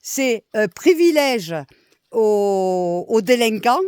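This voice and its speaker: A woman's voice: on the high side, lively intonation, slow pace, smooth, no room sound. Furious southern French woman ranting. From Nîmes, southern France. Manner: heated, repetitive, swearing, loud outbursts. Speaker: expatriate venting online. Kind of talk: angry political rant.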